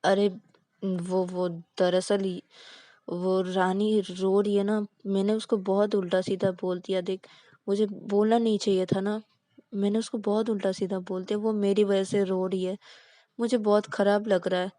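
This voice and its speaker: A woman's voice: mid-range voice, little pitch movement, a little slow, dark tone, no room sound, natural voice. A woman voicing a young man who is tearful, defensive and stammering, in a told story. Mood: guilty. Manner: stammering, pleading.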